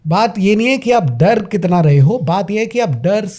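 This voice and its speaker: Dramatic, high-voiced man telling a story. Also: animated, normal speed, mellow. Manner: dramatic storyteller, repeats lines for emphasis. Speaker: podcast guest, parenting coach. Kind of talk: storytelling in a podcast interview.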